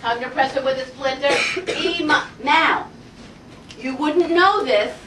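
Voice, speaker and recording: High-voiced woman teaching a classroom lesson. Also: unhurried, noisy background. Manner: energetic, coaxing, asks the class many questions. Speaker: Hebrew teacher. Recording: roomy classroom audio from far off.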